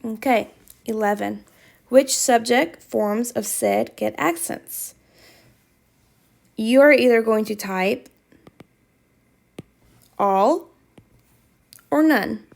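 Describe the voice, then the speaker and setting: Slow, patient woman teaching a quiz. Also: a little high, gravelly, a little mellow. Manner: slow, patient, repeats instructions. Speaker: Spanish teacher. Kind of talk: reading quiz questions to students.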